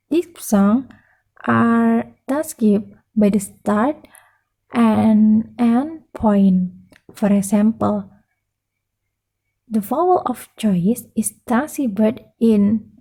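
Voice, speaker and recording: A woman's voice: mid-range voice, mellow, husky, poor audio. A young woman giving a student presentation, explaining carefully. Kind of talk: classroom presentation.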